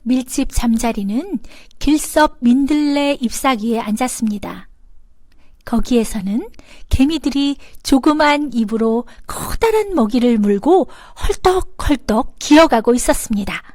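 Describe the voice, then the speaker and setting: High-voiced woman narrating a children's story. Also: animated, unhurried, a little mellow, dry recording, studio quality. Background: background music.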